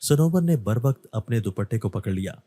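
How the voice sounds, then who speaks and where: Male storyteller, scripted narration; low, warm, dry sound. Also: animated, no room sound.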